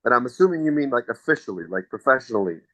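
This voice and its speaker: A man's voice: mid-range voice, big pitch swings, racing, fairly bright tone, dry recording, rough recording. A man from the United States, a singer answering interview questions in a chatty, storytelling way with frequent restarts.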